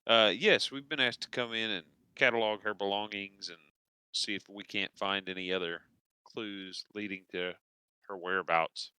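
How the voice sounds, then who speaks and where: A man voicing a polite male investigator posing as a doctor, halting with fillers. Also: fairly low pitch, steady tone, sharp tone, clear, resonant tone, no echo, poor audio.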